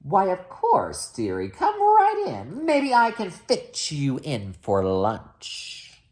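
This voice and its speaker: A woman's voice: lowish voice, huge pitch swings, slow pace, a little mellow, pitched above the performer's own voice, full character voice. A woman voicing a sly, sugary child-eating witch who coos and draws out her words in a storybook tale. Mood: sly, cooing.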